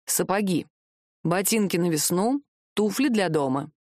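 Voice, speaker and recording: A woman voicing a calm, gloomy male warlock who speaks unflappably. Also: medium pitch, fast talker, dry recording, clean studio sound, natural voice. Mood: matter-of-fact. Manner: unflappable, cool.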